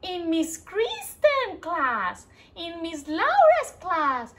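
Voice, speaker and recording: A woman voicing a little talking heart puppet for small children, with a high childish squeal. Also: huge pitch swings, drawn-out words, exaggerated voice. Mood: happy.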